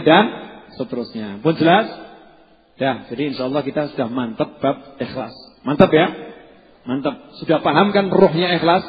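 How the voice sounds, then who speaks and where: A man with a Javanese accent preaching a casual, joking sermon to a congregation, slipping in Javanese phrases. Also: fairly high pitch. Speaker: Islamic preacher. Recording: dull sound with long hall reverb.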